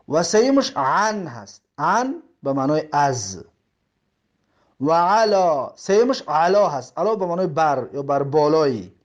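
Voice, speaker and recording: Male teacher with a Tajik accent, fairly high and very lively pitch, patient and repetitive grammar explanations. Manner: explains step by step, repeating terms and examples; reads the Arabic text slowly, word by word. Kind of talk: religious grammar lesson.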